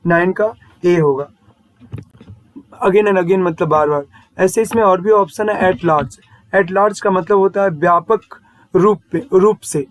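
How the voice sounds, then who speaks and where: High-voiced male teacher. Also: dry recording, rough recording. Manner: explains step by step, repeats "है ना?" to check in; reads English phrases out slowly. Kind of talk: exam answer walkthrough.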